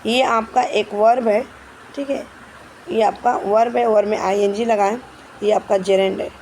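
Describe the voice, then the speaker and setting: A woman's voice: mid-range voice, fairly even intonation, darkish tone, slight background noise, low-quality recording. A woman teacher explaining English grammar questions in Hindi, stepping through each answer and often checking with "ठीक है". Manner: reads English questions slowly and carefully.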